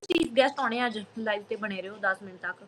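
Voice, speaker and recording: A woman's voice: mid-range voice, quick pace, background noise. A woman hosting a casual live stream on a phone, chatting to viewers, greeting them by name and repeating phrases.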